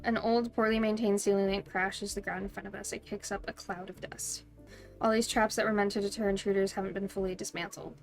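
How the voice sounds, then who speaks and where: A woman's voice: mid-range voice, level tone, brisk, soft background music. A woman streaming a game, reading its text aloud and breaking into bubbly, giggly, playful asides.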